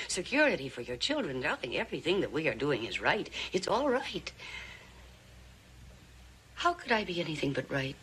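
This 1960s TV western clip features an actress as a genteel, middle-aged mother who is ambitious, controlling and weary, pushily coaxing her daughter in her scheming. Her voice is low-pitched and a bit bright, on a low-quality recording with a little hiss or hum.

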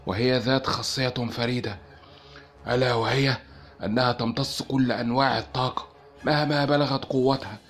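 A man's voice: medium pitch, a bit bright, pitched above the performer's own voice. A man putting on a cold sneering alien emperor.

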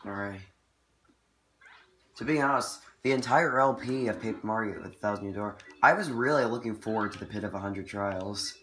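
A let's play host with a cold, his voice giving out, chats casually while playing a video game in an indoor room with a TV, filmed on camera. His voice is on the low side and fairly bright, his pace moderate, and he corrects himself and reacts to the game over game music on a low-quality recording.

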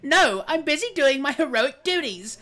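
A woman's voice: sits high, animated, moderate pace, fairly bright tone, pitched above the performer's own voice. A woman voicing a pompous, theatrical ghostly guardian villain in a game, speaking in a grandiose, gloating manner.

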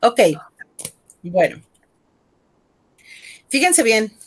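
Woman teaching french on a video call, a bit high-pitched, friendly and coaxing. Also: big pitch swings, extremely slow, breathy edge. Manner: friendly, coaxing, switches between Spanish and French. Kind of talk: online class teaching.

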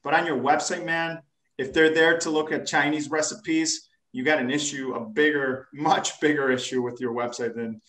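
A man's voice: a little high, steady tone, moderate pace, a bit bright. A man in his thirties, a guest on a casual video-call interview, talking keenly and slangily from a room at home. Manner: enthusiastic, slangy, says dude and man. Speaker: podcast guest. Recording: echoey room, distant mic.

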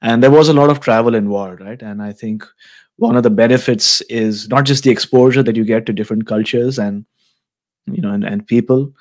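Measured man hosting an interview. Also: mid-range voice, darkish tone. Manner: thoughtful, measured, affirming. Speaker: podcast host. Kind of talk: casual interview. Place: small indoor room. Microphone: studio mic with headphones.

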